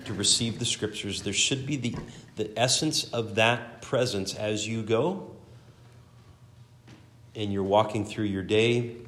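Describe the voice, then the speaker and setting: A man teaching a Sunday school class, reading scripture aloud with earnest emphasis and often repeating words as he searches for phrasing. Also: lowish voice. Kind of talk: Bible teaching.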